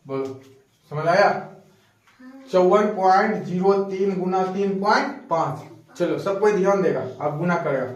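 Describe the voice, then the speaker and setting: A man's voice: sits high, a little slow, dull audio. A male math teacher in a classroom, asking students questions over and over and checking that they understood. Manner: repetitive call-and-response, keeps checking if students understood. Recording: very echoey classroom, distant mic.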